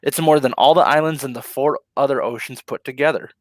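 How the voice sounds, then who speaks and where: A man co-hosting a casual live stream, relaxed and laughing easily, with plenty of ums. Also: mid-range voice, a little fast, dry recording. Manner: laid-back, laughs often, many ums. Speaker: co-host of a live ocean talk stream.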